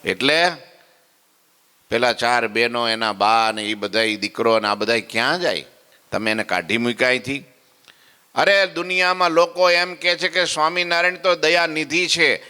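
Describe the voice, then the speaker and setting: A man's voice: a little high, moderate pace, sharp tone, smooth, big-room sound. A man telling a devotional story as a preacher, acting out the characters and asking listeners questions. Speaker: katha preacher.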